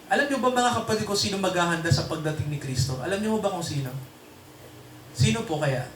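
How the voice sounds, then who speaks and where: A man delivering a sermon and a prayer to a congregation, peppering them with tag questions. His voice sits high and sounds bright and sharp. It comes from a distance in a reverberant hall, with a faint hum of room ambience behind him. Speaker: preacher. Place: church hall before a congregation.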